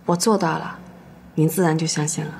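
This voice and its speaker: A young actress playing a heartbroken lawyer who speaks quietly, with resignation. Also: female voice, sits low, steady tone, brisk, gravelly, slight background noise. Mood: firm. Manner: quiet, resigned, soft-spoken. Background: soft guitar music.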